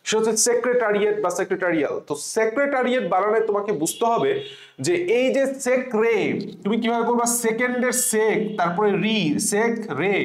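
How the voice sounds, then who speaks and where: A tutor with a Bangladeshi Bengali accent giving an online revision lecture, spelling words out slowly letter by letter, repeating them, and asking the class questions before answering them. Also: mid-range voice. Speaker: admission exam tutor. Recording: echoey room.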